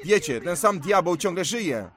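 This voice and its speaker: A man's voice: high-pitched, animated, moderate pace, fairly bright tone. A man preaching a sermon, retelling stories with emphatic, storytelling delivery.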